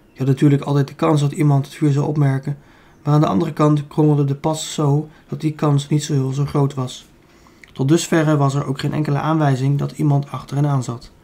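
A man's voice: a little high, dark tone. A man with a Dutch accent reading a children's book aloud, with small slips he corrects as he goes. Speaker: audiobook reader.

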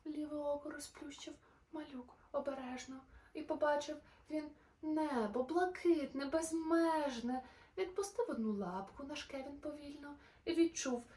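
A woman reading a rhyming children's story aloud. She is expressive and playful, changing her loudness and pace. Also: sits high, normal speed, far from the mic.

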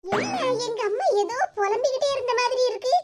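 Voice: extremely high pitch, sing-song, fairly quick, over loud music. A performer voicing a cheeky, greedy young daughter in a cartoon, with a Tirunelveli Tamil accent and a teasing, coaxing way of talking. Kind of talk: cartoon voice acting. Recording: loud background noise.

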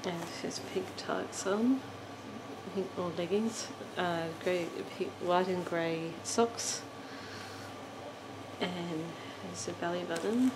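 Lady slowly going over a doll at home, lots of ums, kinda low voice, hissy background. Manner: slow, halting, many ums. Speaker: doll collector channel host. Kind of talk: casual show-and-tell.

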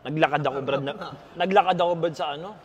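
A man telling a comic story to a group, animated, repeating lines for effect and laughing as he goes. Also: on the high side, quick pace. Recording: loud crowd laughter around him.

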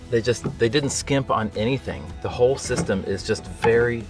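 Over music, a man in his thirties who owns a catamaran vlogs aboard it, chatting casually to viewers while working on a project, partly inside a small cabin. His voice is medium-pitched at a moderate pace.

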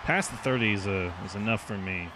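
A man commenting out loud on his own football video game, reacting excitedly to each play. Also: on the low side, brisk, noisy background. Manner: excitable, reacting to plays aloud. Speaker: gaming channel host.

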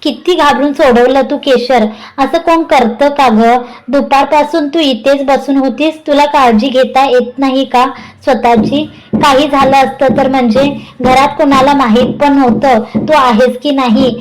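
A woman's voice: high-pitched, fairly even intonation, a little slow, low-quality recording. A woman voicing a scolding caring husband. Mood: worried, scolding. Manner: scolding and teasing. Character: caring, teasing young husband, brisk and scolding.

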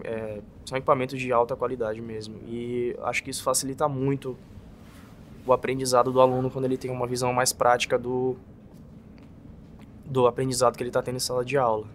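A man's voice: mid-range voice, a little hiss or hum. A young man from northeastern Brazil, an exchange student explaining his program earnestly in an interview testimonial. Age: young adult. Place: indoor campus building.

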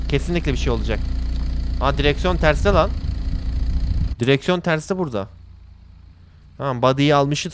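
A man's voice: a little high, slight background noise. A man commentating a horror game in a jokey way, reading its lines aloud and yelping when startled. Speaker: gaming channel host. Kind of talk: let's play commentary.

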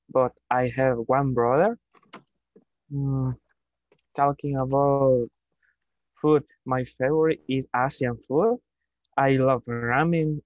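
Slow, hesitant man student. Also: medium pitch, no echo, muffled recording. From El Salvador. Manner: hesitant, with pauses. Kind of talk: reading a short self-introduction.

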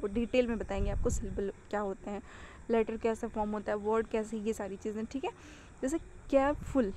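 A woman's voice: high-pitched, warm tone, slight background noise, poor audio. Patient Indian woman teaching grammar. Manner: explains step by step, asks questions and answers them herself; slows down for English rule statements. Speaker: English teacher. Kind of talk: explaining grammar rules in Hindi and English.

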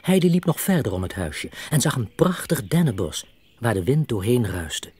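A man tells a scripted children's story as an expressive storyteller, his husky, mid-range voice moving at a moderate pace.

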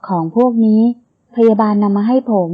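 A woman's voice: mid-range voice, normal speed, husky, natural voice. A woman reading a possessive young sheikh. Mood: teasing. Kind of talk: audiobook character reading. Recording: tinny phone-like sound.

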